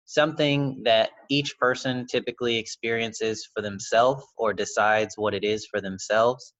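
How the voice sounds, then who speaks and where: Low-voiced man hosting a video call workshop. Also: fairly bright tone. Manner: hesitant, many fillers and restarts. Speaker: workshop host. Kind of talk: casual online discussion. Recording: dull lo-fi video call audio.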